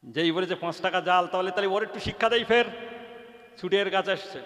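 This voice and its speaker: A man's voice: sits high, quick pace, fairly bright tone. A man with a West Bengal Bengali accent preaching an Islamic sermon, acting out the characters of a rustic folk tale in an emphatic, sing-song way. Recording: large reverberant hall.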